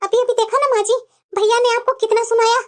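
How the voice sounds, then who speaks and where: A sly young daughter-in-law in a cartoon family drama, played by a woman. Her voice sits very high and she talks in a needling, insinuating way. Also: fairly even intonation, fairly quick.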